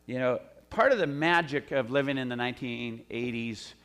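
A man's voice: mid-range voice, moderate pace, fairly bright tone. A middle-aged man from the United States, a pastor giving a sermon in a conversational way, with asides and frequent "uh" fillers.

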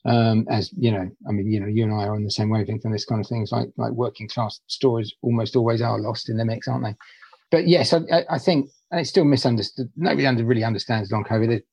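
A husky-voiced man speaks in a relaxed interview, often stopping to restart and repeat his words. His voice sits in a middle range and sounds close and dry. The audio is slightly dull and lo-fi. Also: medium pitch, fast, dry recording. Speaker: poet interviewed as a guest. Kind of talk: conversational interview.

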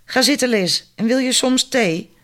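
Mary: a man voicing a fiery, sharp-tongued woman. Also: very high voice, normal speed, pitched above the performer's own voice. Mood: brisk, bossy. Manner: indignant, chatty, bossy.

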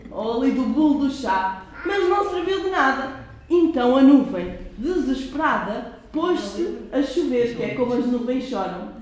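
A woman's voice: sits high, expressive, unhurried, a little mellow. A woman reading a picture book aloud to children and asking them questions as she goes. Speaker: children's storyteller. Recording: very echoey room.

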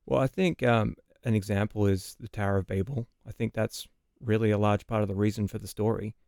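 A man guesting on a podcast explains scripture with thoughtful, deliberate pacing. His low voice has a gravelly edge yet stays smooth and resonant. The sound is dry and close to the mic. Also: fairly even intonation, darkish tone, no echo. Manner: thoughtful, measured, with pauses and restarts. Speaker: podcast guest, Bible teacher.

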